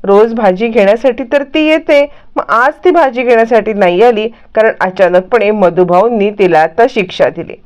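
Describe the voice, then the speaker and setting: A woman's voice: medium pitch, normal speed, hardly any pauses, darkish tone. A woman casually retelling a serial episode, linking each step plainly. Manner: plain retelling with many "asa mhatlyavarti" links. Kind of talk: casual story recap narration. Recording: muffled lo-fi recording.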